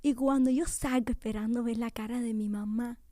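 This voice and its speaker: A young woman tells her personal testimony with raw intensity, and her voice often sinks to a hushed near whisper. Her voice sits fairly high, with a soft, mellow tone. The studio sound is close and dry. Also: steady tone, moderate pace, dry recording. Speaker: guest giving a testimony. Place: radio studio.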